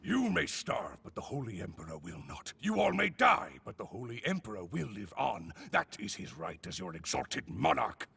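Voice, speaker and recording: A man playing a cruel, haughty villain in an anime dub, with a harsh, raspy voice. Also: lowish voice, wildly swooping pitch, normal speed, few pauses, bright, forceful tone, a little hiss or hum, heavily acted. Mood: contemptuous.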